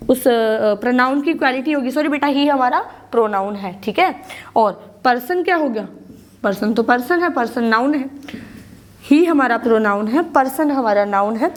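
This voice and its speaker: A woman with an Indian English accent teaching a school grammar lesson in Hindi and English, patiently repeating key words and asking questions she then answers herself. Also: high voice.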